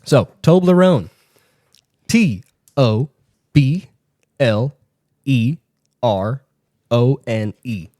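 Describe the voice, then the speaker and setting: A man co-hosting a podcast, running a spelling game with teasing banter and spelling words out slowly. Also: medium pitch, expressive, warm tone, dry recording, clean studio sound.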